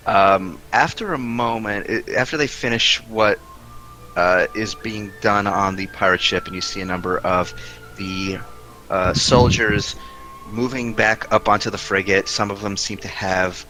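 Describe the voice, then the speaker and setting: Low-voiced, bright-edged male game master. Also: steady tone, faint music behind, low-quality recording. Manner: halting, improvised delivery. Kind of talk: narrating a tabletop role-playing game.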